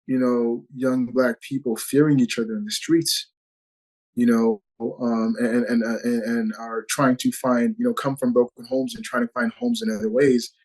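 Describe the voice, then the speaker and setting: A man's voice: mid-range voice, little pitch movement, moderate pace, a little mellow, rough recording. A man being interviewed as an actor over a video call, talking in an earnest, reflective way with many "you know" fillers. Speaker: actor guest.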